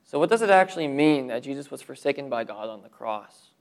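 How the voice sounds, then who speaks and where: A man preaching a sermon to his church, earnest, with rhetorical questions and drops to a low voice for emphasis. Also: animated, fairly quick. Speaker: pastor.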